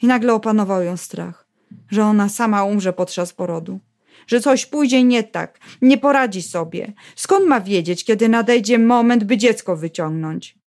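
A woman reading a novel aloud in a steady, measured storytelling voice. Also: medium pitch. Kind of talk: audiobook narration.

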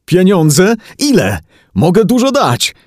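A man voicing a terrified, heavyset captive who shouts and begs in a slurred voice. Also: low voice, sing-song, a little slow, breathy edge, no echo, studio quality, heavily acted. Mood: frantic.

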